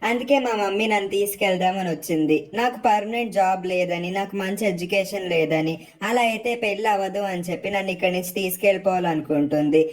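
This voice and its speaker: A frightened young gamer, as a woman narrator puts him on, begging for help. His words tumble out fast. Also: mid-range voice, lightly acted. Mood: pleading. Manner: pleading.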